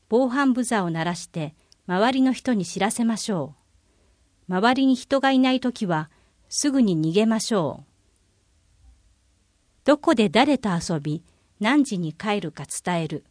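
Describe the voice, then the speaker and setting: A woman reading a city bulletin aloud in a clear, measured way, slowing down for phone numbers and contacts. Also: mid-range voice, darkish tone, no room sound, clean studio sound. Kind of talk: scripted reading of public notices.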